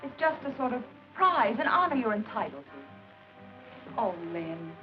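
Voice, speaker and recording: An actress playing a proud, hurt young fiancée in a 1950s film, talking emotionally and at times shouting. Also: female voice, a little high, big pitch swings, moderate pace. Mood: pleading. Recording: dull old film soundtrack with music.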